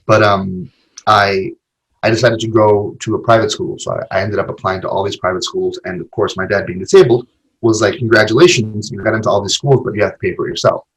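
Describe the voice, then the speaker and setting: Speaking as a guest on a podcast, this Argentine man in his forties recounts his past in a casual interview, leaning on lots of fillers and repetitions. His husky, lowish voice moves a little fast with fairly even intonation, captured on a rough recording.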